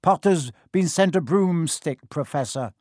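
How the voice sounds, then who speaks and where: A man putting on a spiteful rich schoolboy with a sneering, snappish delivery, a touch higher and louder than the narration. The sound is dry and close. It plays as the jealous bully of a children's audiobook. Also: unhurried, dry recording.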